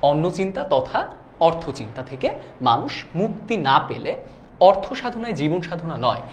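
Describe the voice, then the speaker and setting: A man's voice: a little high, slight background noise. Casual young male teacher. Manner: casual and chatty, often asks "do you understand?". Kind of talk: live online class, reading viewer comments.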